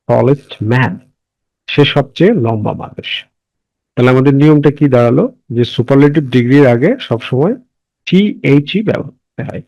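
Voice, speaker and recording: A man with a Bangladeshi accent teaching a grammar lesson. He asks questions and answers them himself, spells words letter by letter, and slows down to dictate English phrases word by word. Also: medium pitch, creaky, a little mellow, no room sound, highs cut off.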